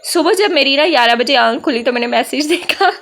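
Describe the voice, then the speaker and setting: High-voiced chatty Pakistani woman. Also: expressive, a little fast, a bit bright. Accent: Pakistani Urdu with Punjabi touches. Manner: chatty storytelling, peppered with "na", often laughing. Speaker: vlogger. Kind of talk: voice-over vlog narration. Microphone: voice-over mic.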